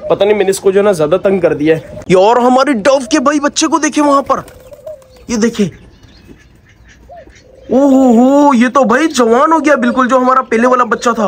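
A man's voice: extremely high pitch, fairly quick. A man vlogging about his pet birds and rabbits in a chatty, affectionate way. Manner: chatty, affectionate, peppered with "yaar" and "bhai"; coaxing pets softly. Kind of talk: casual vlog narration.

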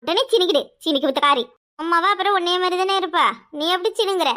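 A woman voicing a harried, scolding village mother in a cartoon, with a Tirunelveli Tamil accent. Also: bright, forceful tone. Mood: berating. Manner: scolding, shrill and rapid. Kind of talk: cartoon voice acting.

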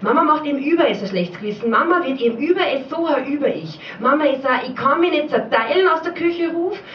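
A woman's voice: high voice, animated, a little fast, a little hiss or hum. A woman performing a spoken-word poem at a poetry slam in a rhythmic, repetitive way, in a small pub. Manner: rhythmic, repetitive, dialect-tinged recital. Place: small pub stage before an audience. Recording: dull, roomy live recording from far off.

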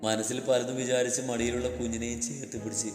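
A male storyteller reads a romance at a calm, steady pace with a middle-pitched voice. The room adds a long, echoing reverb, and soft music plays underneath. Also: fast. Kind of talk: scripted story narration.

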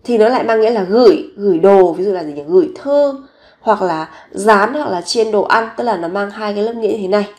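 A woman gives a recorded Korean vocabulary lesson in a mid-pitched voice. She speaks slowly and patiently, saying each word several times. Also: a little mellow. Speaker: Korean language teacher.

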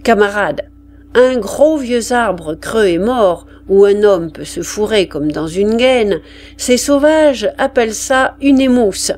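A woman reading aloud and voicing a gruff male army sergeant, blustering and exclaiming. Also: mid-range voice, slow pace, darkish tone, close to an everyday voice. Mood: rallying.

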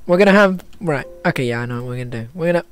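A man's voice: a little high, lively intonation, very fast, slight background noise. A man with hiccups talking through an animation tutorial in a casual, stop-start way, thinking aloud and correcting himself as he works. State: has hiccups. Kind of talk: casual screen-recorded tutorial.

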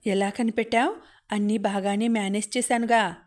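A woman's voice: medium pitch, steady tone, moderate pace, darkish tone, close to an everyday voice. A woman voicing a brash, scheming young man who taunts and boasts, in a storybook reading. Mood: mocking.

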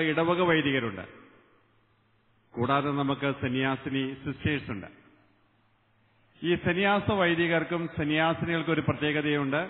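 An older man from Kerala, preaching earnestly to a large convention crowd on a stage mic. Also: a little high. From Kerala, India. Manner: earnest, addresses the crowd directly, hands raised. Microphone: mic on a stand close to the mouth. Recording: tinny narrow sound, long hall reverb.

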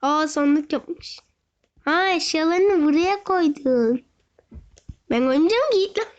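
Very high-pitched yelling young gamer. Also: lively intonation, takes it slowly. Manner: shouts and wails often; talks to viewers directly. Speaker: gaming video host. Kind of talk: excited gameplay commentary. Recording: dull lo-fi recording.

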